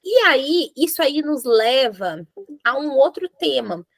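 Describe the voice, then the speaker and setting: A woman with a Brazilian Portuguese accent teaching an English grammar lesson, explaining in a playful, animated way with jokes. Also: high voice, takes it slowly, creaky, no room sound, clean studio sound.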